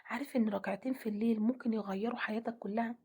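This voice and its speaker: A woman with an Egyptian accent speaks in a gentle devotional talk, moving quickly from line to line. Her voice sits a little high and carries a husky, breathy grain, and she often sinks into a soft half-whisper. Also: fairly even intonation. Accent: Egyptian Arabic. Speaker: religious speaker.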